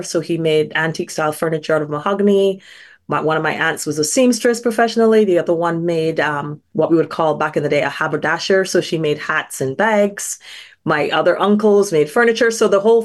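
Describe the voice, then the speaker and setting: Earnest woman with a low voice. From Barbados. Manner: thoughtful, earnest, frequent small restarts. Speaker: scientist guest. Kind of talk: reflective personal storytelling.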